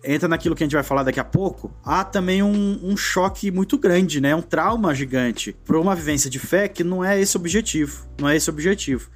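A man's voice: fairly high pitch, a little fast, hardly any pauses. A man in his forties with a Brazilian Portuguese accent, co-hosting a talk show and telling a childhood memory in a reflective, casual way, often adding a questioning "né". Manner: reflective, often adds "né" and trails off. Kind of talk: casual conversational storytelling.

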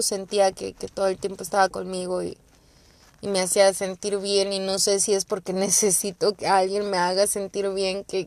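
A woman's voice: medium pitch, dry recording. A young woman with a Mexican accent hosting a podcast, telling personal stories in a rambling, profane way and acting out the people she quotes. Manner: rambling, profane, animated quoting. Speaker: podcast host. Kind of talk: casual personal storytelling.

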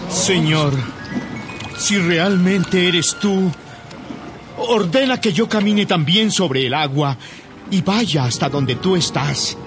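A man's voice: sits high, slow pace, long pauses. An actor playing the disciple Peter in a dramatized audiobook, an earnest, bold grown man. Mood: pleading. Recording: dramatized audiobook with music behind.

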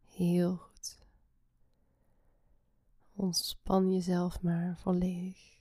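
A woman guiding a relaxation meditation in a soft, soothing, breathy half-whisper. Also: lowish voice, monotone, extremely slow, dry recording, clean studio sound. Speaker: guided meditation host.

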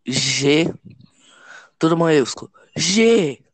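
A man co-hosting a casual podcast, heard over glitchy audio whose pitch and level jump around as he slowly spells out letters one by one. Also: lively intonation, dry recording. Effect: glitchy audio with jumping pitch and level. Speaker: podcast co-host. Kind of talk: casual chat, spelling out text.

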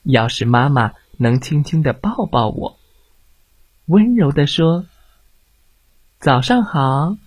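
A man reads a bedtime story to young children in a soft, lilting way. His voice is slightly husky and moves with animated rises and falls. He keeps an unhurried pace, and the sound is close and dry. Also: a little high, dry recording. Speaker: storyteller host.

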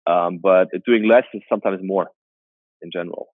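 A man who works as a strength coach, answering interview questions in a halting way and restarting his phrases often. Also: low voice, steady tone, dry recording. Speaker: strength coach and personal trainer. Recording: tinny phone-like call line.

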